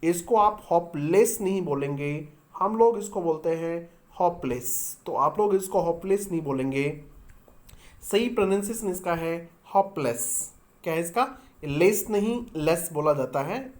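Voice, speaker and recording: A woman's voice: lowish voice, expressive, a little slow, darkish tone. Patient woman teaching an English lesson. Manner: patient, explains step by step and answers own questions; addresses viewers as students. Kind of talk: online language lesson.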